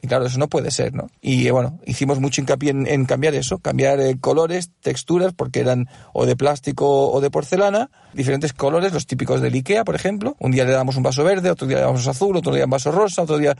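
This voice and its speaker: Gravelly-voiced man, patient and chatty. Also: medium pitch, fast talker, hardly any pauses, a little mellow, no room sound, clean studio sound. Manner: explains patiently with many fillers and asides. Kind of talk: casual testimonial.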